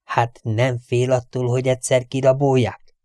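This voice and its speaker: A man's voice: mid-range voice, monotone, warm tone, dry recording, studio quality, natural voice. A man voicing a strict, nagging older housekeeper who scolds her absent-minded employer. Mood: scolding. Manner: scolding, prim and indignant.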